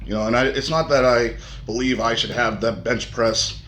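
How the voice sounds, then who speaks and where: A man co-hosting a gym podcast in casual chat, joking in a deadpan way. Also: medium pitch, moderate pace. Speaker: podcast co-host. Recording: echoey room, faint background noise.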